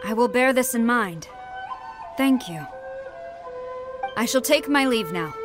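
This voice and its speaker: A woman's voice: a little high, expressive, takes it slowly, music in the background. Stern, formal woman commander. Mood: formal, measured. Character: stern, proud female military commander, formal and dutiful. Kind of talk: video game voice acting.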